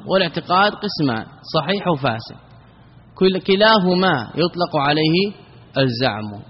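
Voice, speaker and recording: A man's voice: a little high, breathy edge. A man teaching classical Arabic grammar, repeating key terms and asking and answering his own questions. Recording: dull recording in a reverberant hall.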